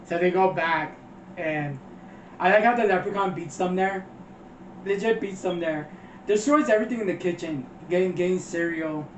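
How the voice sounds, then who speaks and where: A man co-hosting a casual movie review, retelling scenes loosely and laughing as he quotes the characters. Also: sits high. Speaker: podcast co-host. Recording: dull, far-off roomy mic with faint noise.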